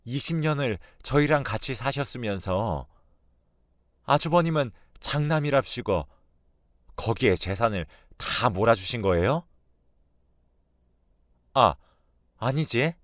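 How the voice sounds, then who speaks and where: A man's voice: medium pitch, animated, slow pace, long pauses, fairly bright tone, no echo, studio quality. A man voicing a middle-aged daughter-in-law who angrily confronts her mother-in-law, talking in a raised, pleading voice in a radio drama. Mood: pleading, angry.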